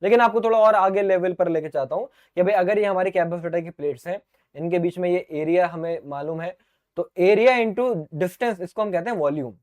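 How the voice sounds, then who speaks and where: A middle-aged man teaching physics in an online exam-prep lecture. He is playful and animated, answers himself in a student's voice, calls the viewers his dear children, and his throat is getting sore. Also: sits high, brisk.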